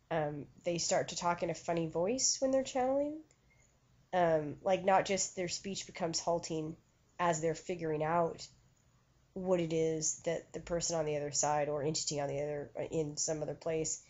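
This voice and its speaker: Self-conscious woman medium, low voice. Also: warm tone. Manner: self-conscious, chatty, many fillers and restarts. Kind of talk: conversational channeling session. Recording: dull lo-fi recording.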